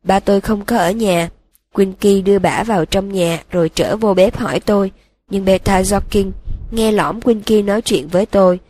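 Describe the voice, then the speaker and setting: A woman voicing a broken young male wizard who confesses in a flat, emotionless monotone, in an audiobook reading. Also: mid-range voice, normal speed, no echo, lightly acted.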